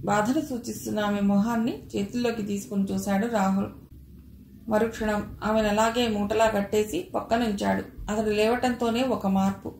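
Lady reading an audio novel, dramatic delivery, middle pitch, echoey room with faint hiss. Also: steady tone, normal speed, vocal fry, a little mellow. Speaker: audiobook narrator. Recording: roomy echo, faint hiss.

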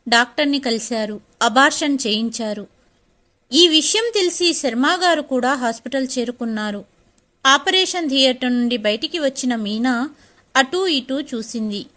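A woman storyteller reading an audiobook in a steady, expressive voice. Her pitch is high and her tone bright and clear. The delivery is even and practiced. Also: normal speed.

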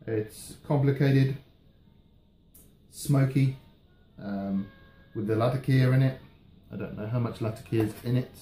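Mellow, rambling British man in echoey room. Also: mid-range voice. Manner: relaxed, halting, trailing off. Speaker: pipe tobacco reviewer. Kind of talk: casual rambling review chat. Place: indoors, small room at home. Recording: roomy echo, faint background noise.

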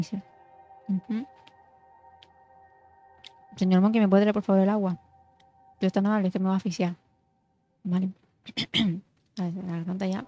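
A young woman from chatting casually and muttering to herself while playing a game as a streamer. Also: mid-range voice. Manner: chatty, muttering, drops to mock ASMR hush. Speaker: gaming streamer. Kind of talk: casual gameplay chat. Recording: slightly dull sound, faint music.

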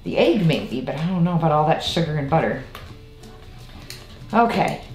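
A woman's voice: low voice, expressive, normal speed, darkish tone. A woman in her thirties from Iowa chatting through a home baking tutorial in her kitchen, rambling into asides as she works, filmed by a camera set across the room. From Iowa, United States. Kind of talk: casual baking tutorial chat. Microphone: far camera on a tripod. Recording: roomy kitchen with faint music.

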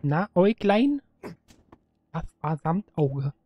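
A woman's voice: sits low, big pitch swings, takes it slowly, highs cut off, music in the background. A woman giving chatty let's-play commentary, giggling, teasing the enemies and slipping into sing-song rhymes. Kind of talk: casual gameplay commentary.

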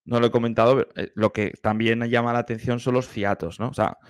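A man's voice: medium pitch, fairly even intonation, quick pace, dry recording, clean studio sound, faint music behind. A man, a choir director giving enthusiastic, explanatory commentary while reacting to a singer. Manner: explanatory, enthusiastic, hums vocal demonstrations.

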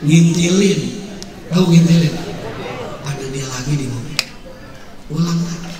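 A man's voice: a little high, a little slow, mellow. A man preacher, telling a story in a sermon with rhetorical questions, in a mosque hall. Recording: heavy hall echo, distant mic.

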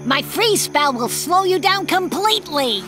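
A woman's voice: extremely high pitch, expressive, unhurried. A woman voicing a spiteful, scheming witch in a children's cartoon, with theatrical, sneering taunts and music behind her. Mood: gloating, spiteful. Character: spiteful, scheming female witch who hates happiness.

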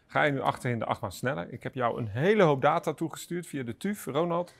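A man's voice: medium pitch, expressive, quick pace, creaky. A man in his thirties hosting a casual explainer interview, asking inquisitive questions into a lapel mic. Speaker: host. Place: indoor garden atrium of a university building.

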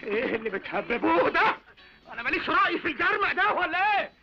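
An actor with an Egyptian Arabic accent playing an indignant, exclaiming groom, in a muffled old film soundtrack with music. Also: male voice, extremely high pitch, very animated, fast talker, gravelly, heavily acted.

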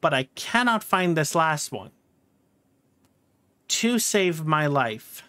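A man's voice: on the high side, sing-song, slow, sharp tone, dry recording. Frustrated swearing male game streamer. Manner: swears constantly, stammers and restarts. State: frustrated and angry. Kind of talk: live game stream commentary.

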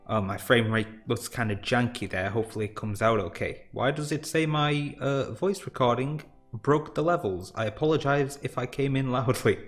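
A man's voice: medium pitch, moderate pace, few pauses, soft background music. A man casually commenting on indie games as he plays, in a chatty, rambling, self-deprecating way. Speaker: game showcase host. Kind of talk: casual let's-play commentary.

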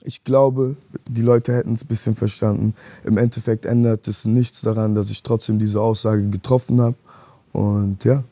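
Casting: young man, low mellow voice, flat even delivery, earnest and hesitant, dry studio mic. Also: normal speed, no echo. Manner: hesitant, earnest, many restarts. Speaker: rapper, interview guest. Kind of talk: reflective interview talk. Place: dark studio set, seated on leather couch.

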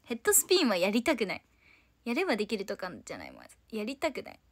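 Lively young woman chatting playfully. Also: mid-range voice, rapid-fire. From Tokyo, Japan. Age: 20s. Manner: playful, chatty, answering viewer comments. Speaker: idol livestream host. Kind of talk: casual solo livestream chat.

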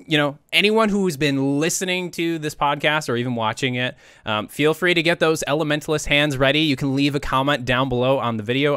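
A man's voice: medium pitch, fairly bright tone, clean tone, no room sound, studio quality. A man hosting a gaming podcast, giving a friendly, loosely worded wrap-up and thanking his guests. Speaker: podcast host. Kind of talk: casual podcast outro.

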